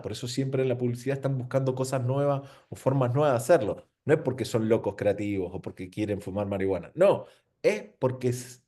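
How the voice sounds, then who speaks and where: An Argentine man gives an informal seminar talk on marketing. His pitch swings widely as he asks rhetorical questions and drops slang. The tone of his voice is warm and mellow. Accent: Argentine Spanish. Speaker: marketing speaker. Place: venue with an audience.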